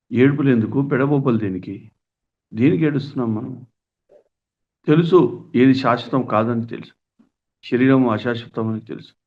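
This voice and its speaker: A middle-aged man delivers a spiritual discourse in an earnest, questioning tone, with folksy asides. His voice sits at an ordinary middle pitch. The recording is thin and tinny, like a phone line. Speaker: spiritual teacher.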